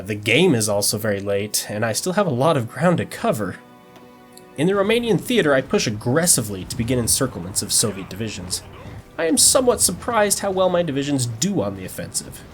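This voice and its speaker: Male narrator, mid pitch, animated delivery, mock-epic with deadpan asides, faint music underneath. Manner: mock-dramatic storyteller, dry jokes. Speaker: strategy game video narrator. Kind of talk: scripted game narration with wry asides.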